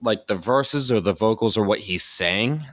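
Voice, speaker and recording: A man's voice: lowish voice, lively intonation, normal speed, a bit bright, no echo, clean studio sound. A man, a dancer and podcast co-host, chatting casually and thinking aloud with lots of fillers. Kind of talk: casual chat.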